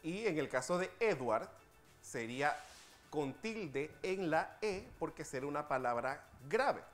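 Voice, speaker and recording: A man's voice: a little high, animated. Man, teacherly, patient explanations, TV studio, faint music behind. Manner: patient, teacherly, slows to spell out examples. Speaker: language segment host. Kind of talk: explanatory TV segment on spelling.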